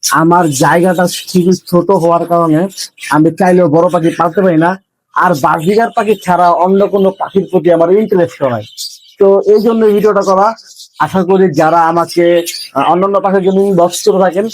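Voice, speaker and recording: A young man from Bangladesh hosts his own bird-keeping vlog. He talks quickly in a fairly high voice, friendly and explanatory, as he shows his viewers around his cages. The sound is dry and close. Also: no room sound, poor audio. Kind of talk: casual vlog talk to viewers.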